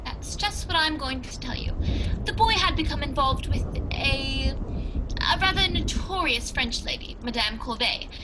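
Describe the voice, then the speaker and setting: Woman playing genial Doctor Watson, high-pitched, noisy recording. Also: expressive, measured pace. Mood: grave storytelling. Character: genial old English doctor, male, loyal storyteller. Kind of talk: 1940s radio mystery acting, storytelling.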